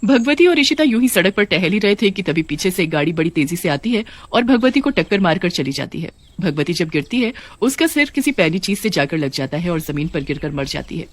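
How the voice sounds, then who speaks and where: Brief: woman narrator, steady scripted storytelling, dry close recording. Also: on the low side, fairly quick, hardly any pauses, no echo.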